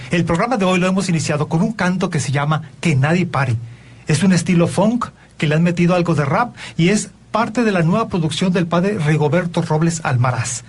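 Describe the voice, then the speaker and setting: A Mexican priest hosts a talk show in a husky, slightly breathy voice. He sits a little higher in pitch than most men. His manner is earnest and preachy, and it grows animated when he makes a point. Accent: Mexican Spanish. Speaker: priest and radio show host. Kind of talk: radio talk show conversation.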